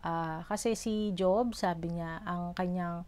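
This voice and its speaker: Brief: middle-aged Filipino mom vlogger, low-ish voice, earnest and rambling, lots of fillers. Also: female voice, fairly even intonation, slow, a little mellow. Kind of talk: personal vlog storytelling.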